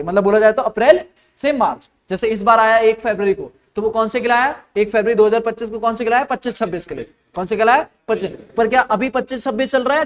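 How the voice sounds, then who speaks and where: A young Indian man teaching a classroom lecture, quizzing students with short repeated questions and answering them himself. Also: very high voice.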